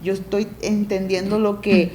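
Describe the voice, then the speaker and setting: In a relaxed conversational interview, a middle-aged woman, a family coach, speaks at a moderate pace in a warm, mellow voice. She goes step by step, often checking her listener follows, and plays out parent-child exchanges with lively shifts in pitch; a faint background hiss is audible.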